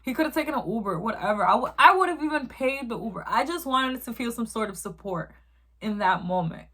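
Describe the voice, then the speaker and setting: A woman's voice: on the high side, animated, brisk, a bit bright. A young woman, telling a profane, emphatic story in casual chat as she eats. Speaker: vlogger. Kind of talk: casual storytime while eating.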